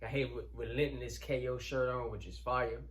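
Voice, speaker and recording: A man's voice: mid-range voice, little pitch movement, fairly quick. Laid-back man chatting about wrestling. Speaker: co-host of a wrestling reaction channel. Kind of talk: casual chat.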